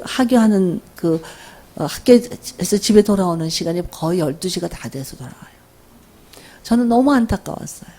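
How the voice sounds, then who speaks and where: An older woman giving a faith-based lecture, telling stories from her family life and asking the audience questions in an animated way. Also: mid-range voice. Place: workshop lecture room.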